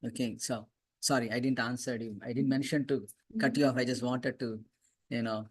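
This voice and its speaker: A man's voice: medium pitch, flat delivery, fast, breathy edge. A man with a Telugu Indian accent, a native Telugu speaker, leading an interactive religious class and often checking in with short questions. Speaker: scripture class teacher.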